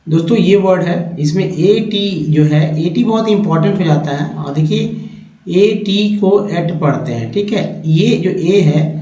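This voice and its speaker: A man with a fairly high voice gives an unhurried spoken lesson on English spelling and pronunciation. He says each word three times and keeps checking in with his viewers. The recording is roomy and somewhat dull and lo-fi. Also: expressive, mellow. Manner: slow and deliberate, repeats words three times; addresses viewers as friends, often checks with "ठीक है". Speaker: English teacher.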